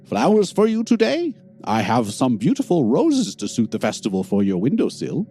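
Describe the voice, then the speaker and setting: A man voicing a portly grandfatherly shopkeeper, fussy, effusive and quick to temper, in a tabletop game. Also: medium pitch, wildly swooping pitch, mellow, breathy edge, faint music behind, voice pushed up, heavily acted. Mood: cheerful. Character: portly grandfatherly male shopkeeper, sugary to customers, bad-tempered.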